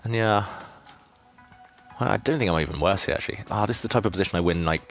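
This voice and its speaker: Low-voiced self-mocking man streaming chess. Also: quick pace, soft background music. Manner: self-deprecating, chatty, reads chat questions aloud. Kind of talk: casual live-stream commentary.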